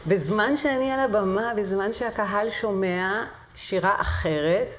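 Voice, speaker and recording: A woman's voice: medium pitch, a little hiss or hum. A middle-aged woman, a singer and voice teacher, telling her story as an interview guest, vivid and with hesitant fillers. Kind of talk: conversational interview.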